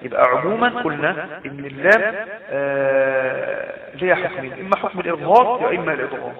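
A man with an Egyptian accent delivers a recitation lesson at a brisk clip, his voice sitting somewhat high. He explains patiently, repeating points and posing questions to his listeners. The sound is thin and phone-like, echoing in a room and set well back from the mic. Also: expressive. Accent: Egyptian Arabic. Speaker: Quran recitation teacher. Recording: tinny phone-like sound, roomy and distant from the mic.

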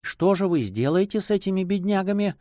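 A man voicing a compassionate young Spanish lady in an audiobook, speaking softly and with sympathy. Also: high-pitched, animated, fairly quick, dry recording, studio quality, voice pushed up. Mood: pitying. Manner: soft, sympathetic.

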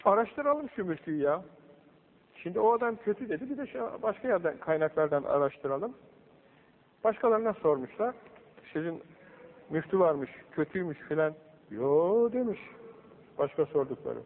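A man gives a religious talk, acting out the people in his story with raised, lively voices. His voice sits fairly high for a man. The old recording sounds thin and phone-like, with a long hall echo and a faint hiss behind him. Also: normal speed, pauses often. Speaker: religious teacher.

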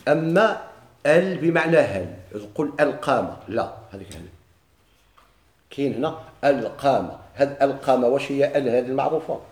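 A man's voice: medium pitch, animated, brisk, reverberant. A man with a Moroccan Arabic accent teaching a grammar lesson to a class, posing questions and answering them himself.

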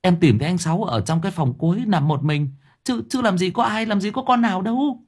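A man's voice: high voice, fairly quick, darkish tone, breathy edge, pitched above the performer's own voice. A man voicing a nervous young man who protests in a flustered, raised voice. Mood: protesting.

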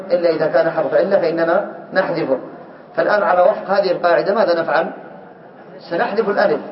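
A male teacher giving a grammar lesson to a class, asking questions, calling on students by name and slowly repeating word forms. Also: fairly high pitch. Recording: echoey room, muffled lo-fi sound.

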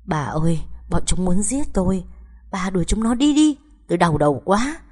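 A panicked, brain-injured family man who begs for help, read by a woman narrator. The voice is pitched up and agitated. Audiobook storytelling. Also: lively intonation, moderate pace, a little mellow, in a large hall. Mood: frantic. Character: brain-injured older man, frantic and confused.

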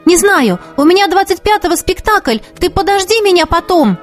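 A woman reading aloud and voicing an eager, impulsive young female ballet student who talks in a high, urgent, breathless way. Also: moderate pace, faint music behind, close to an everyday voice. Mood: hurried. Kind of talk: audiobook character reading.

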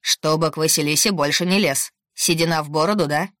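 Stern man of the house in a storybook, read by a woman, low clipped commands, dry sound. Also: fairly even intonation, a little fast, fairly bright tone, no echo. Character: stern grown-up male boss, the son.

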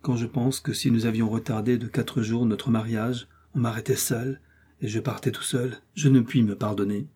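A man's voice: mid-range voice, fairly even intonation, moderate pace, dark tone, breathy edge, natural voice. A man voicing an anguished young husband sent into exile, crying out in regret. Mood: regretful.

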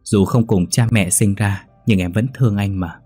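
A gentle young sister soothes and consoles her brother, as a male narrator voices her. The tone is low and husky, close to the mic. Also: steady tone, moderate pace, no echo, soft background music. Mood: consoling.

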